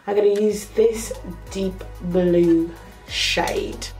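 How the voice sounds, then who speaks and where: This one has faint music behind a medium-pitched female voice with fairly even intonation. The speaker, a young makeup vlogger with a cold and a nasal sound, goes step by step through her tutorial, slow and chatty with fillers, filmed close up in her small bedroom.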